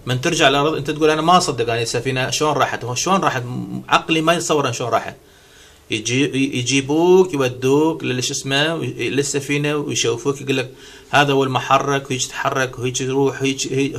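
A man talks through a viewer's question in a casual explanatory monologue. His voice is bright and forward, and his pitch sits in the middle. He lectures in stacked synonyms and stumbles into frequent restarts. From Syria. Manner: hesitant, with many restarts and repeated words; lecturing, strings synonyms together. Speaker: vlogger answering a viewer.

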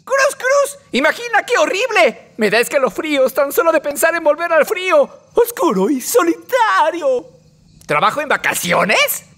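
A man voicing an excitable, whiny, childish cartoon raccoon gamer, dramatic and complaining, with a Latin American Spanish accent. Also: extremely high pitch, moderate pace, full character voice. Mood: horrified. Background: music.

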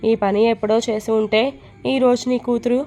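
A woman's voice: on the high side, little pitch movement, moderate pace, dark tone, natural voice. A woman reading a needling middle-aged sister. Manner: needling, nosy.

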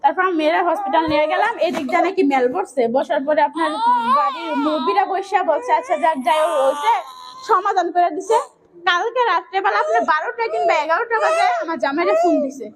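A woman's voice: very high-pitched, lively intonation, quick pace, very noisy. A young woman with an urgently retelling a violent family tragedy, close to tears, quoting others as she goes. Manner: urgent, tearful retelling with quoted dialogue. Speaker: family member of victims. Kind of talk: emotional eyewitness account.

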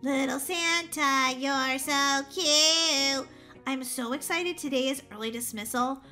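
A woman voicing an excitable, bossy little girl with a childlike, exclaiming manner in a children's toy story. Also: sits high, slow pace, soft background music, heavily acted. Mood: excited.

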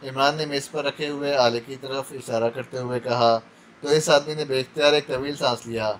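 A man narrating a spy thriller audiobook in measured storytelling style. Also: medium pitch, fairly even intonation, slight background noise, low-quality recording. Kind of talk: dramatic novel narration.

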